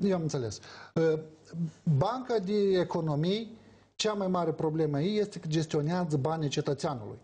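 A man's voice: a little high, warm tone, slightly rough. A man, a politician guest on a TV talk show, talking emphatically and animatedly and acting out quoted exchanges. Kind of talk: emphatic studio debate. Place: TV studio.

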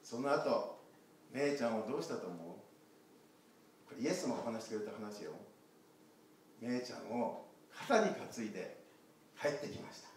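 A man, a pastor telling a picture-card story to children in a church, animated and asking them questions. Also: medium pitch, moderate pace, pauses often, a little hiss or hum. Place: church sanctuary. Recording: echoey church hall from far off.

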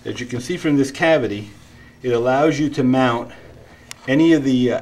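A man's voice: mid-range voice, darkish tone. A middle-aged man explaining kayak features in a casual product demonstration, with frequent fillers and restarts, in a large shop. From New Jersey. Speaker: kayak fishing presenter. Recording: roomy shop echo, faint noise.

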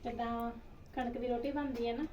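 A woman's voice: fairly high pitch, flat delivery, fairly quick, a little mellow, a little hiss or hum. A middle-aged woman, casually explaining home cooking. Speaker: home cook. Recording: echoey, dull lo-fi home recording.

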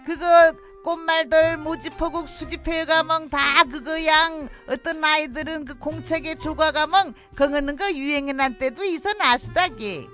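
A middle-aged Jeju housewife in a radio drama, speaking in a thick Jeju accent. Her voice sits high and bright, and she rambles on wistfully, sighing between memories. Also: normal speed, hardly any pauses, soft background music. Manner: rambling, reminiscing, sighing "aigo".

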